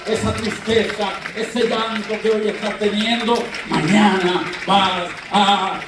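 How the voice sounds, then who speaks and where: A pastor preaching a fervent sermon, calling on the congregation to shout amen, heard from a distance in a large church. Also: male voice, high voice, fairly even intonation, takes it slowly, very echoey, a loud crowd, very noisy. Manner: fervent, calls out for amens.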